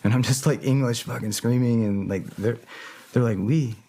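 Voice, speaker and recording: A podcast guest tells a story in casual conversation, his voice medium-pitched, creaky and warm at a moderate pace. He swears bluntly and often pauses to hunt for the right word.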